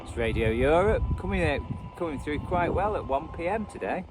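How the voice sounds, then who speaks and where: A radio hobbyist and video host gives casual, unscripted commentary, rambling and self-deprecating, in a slightly high voice that is animated and fairly quick. The outdoor recording is noisy with radio static and traffic.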